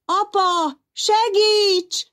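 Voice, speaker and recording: A woman voicing an eager, excitable young boy clownfish in a storybook reading. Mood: frightened. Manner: high excited shouting, protesting.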